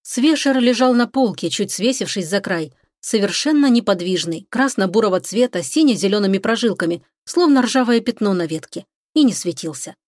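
A woman reads an audiobook chapter in steady, expressive scripted narration. Her voice sits at a middle pitch. The recording is dry and close. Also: brisk, hardly any pauses, dry recording.

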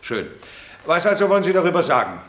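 An actor playing a stern, formal presiding judge in a 1960s radio drama. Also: male voice, on the high side, very animated, quick pace, a bit bright. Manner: formal, commanding. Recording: roomy vintage radio play studio.

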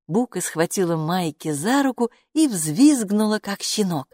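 A woman narrating a children's story in a playful, expressive storybook manner. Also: mid-range voice, a little slow, no echo, clean studio sound. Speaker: audiobook narrator.

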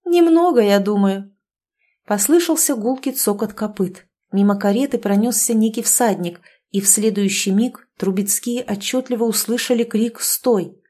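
Casting: woman, audiobook narrator, expressive scripted reading, mid-range voice. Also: medium pitch, normal speed, few pauses, breathy edge. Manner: expressive reading, acting out dialogue.

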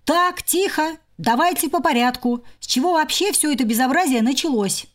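A woman voicing a fussy young male hamster who shouts stern commands to stop a quarrel. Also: high voice, lively intonation, normal speed, voice pushed up.

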